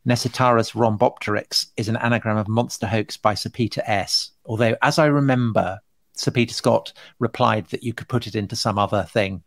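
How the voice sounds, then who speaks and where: Speaking fairly quickly in a lowish, creaky voice, a middle-aged podcast co-host keeps his intonation fairly even. The chat is casual; he's hesitant, tends to repeat himself while circling back over his words, and leans on dry understatement.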